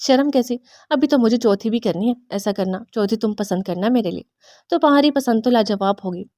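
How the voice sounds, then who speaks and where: A woman's voice: fairly high pitch, dark tone, dry recording, clean studio sound, natural voice. Woman reading as a teasing young husband. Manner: mischievous, bantering.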